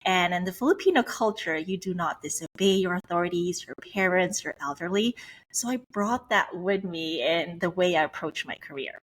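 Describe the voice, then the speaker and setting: Woman from Switzerland, middle-aged, slightly low voice, candid storytelling, podcast guest. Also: normal speed. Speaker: guest, business coach. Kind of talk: conversational interview.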